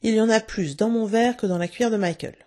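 A woman reading a storybook aloud, voicing a sulky, blustering middle-aged father with petulant, loud outbursts. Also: on the high side, quick pace, voice pushed up, natural voice.

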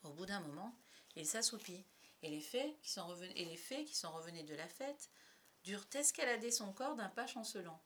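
A woman reading a children's story aloud with a lively, expressive delivery. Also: medium pitch, normal speed, slight background noise.

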